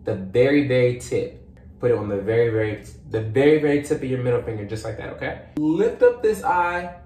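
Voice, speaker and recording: In a small home bathroom, a young man in his twenties chats casually like a vlogger, walking viewers through a demonstration. His medium-pitched voice moves a little fast, and he's playful and expressive, often exclaiming. The room adds a roomy echo, with faint noise underneath.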